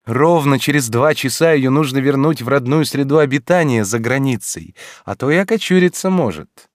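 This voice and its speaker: A man's voice: mid-range voice, expressive, moderate pace, no echo, studio quality, voice pushed up, lightly acted. Man putting on a blissful, drawling art teacher. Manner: drawls each word blissfully. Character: dreamy eccentric middle-aged male art teacher.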